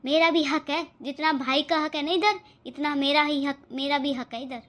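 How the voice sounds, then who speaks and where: A woman's voice: sits high, steady tone, moderate pace, a bit bright. A woman voicing a young married woman in a cartoon, hurt and pleading. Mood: defiant. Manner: pleading, tearful. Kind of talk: cartoon voice acting.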